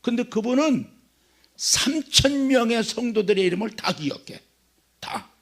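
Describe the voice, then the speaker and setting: A man's voice: very high-pitched, a little slow, vocal fry. A man preaching a sermon at a church revival meeting, telling stories with jokes. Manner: joking, animated storytelling.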